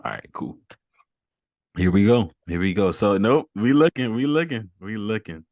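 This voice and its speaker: Over a video call, a deep-voiced man hosts a relaxed interview at a moderate pace. He keeps things upbeat and encouraging with easygoing slang, captured in a dry recording free of room sound.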